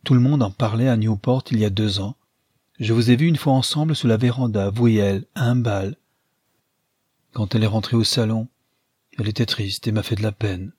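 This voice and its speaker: A man voicing a calm, dignified young society woman in an audiobook, with a soft, earnest, husky voice. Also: on the low side, brisk, no echo, clean studio sound. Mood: confiding. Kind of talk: audiobook character reading.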